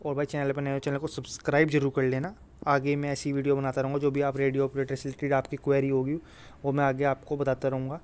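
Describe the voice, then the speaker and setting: A young man who runs an exam coaching YouTube channel chats casually with students about exam and job details, often checking in with a "theek hai na bhai." His mid-range voice is smooth and darkish, delivered quickly and completely flat.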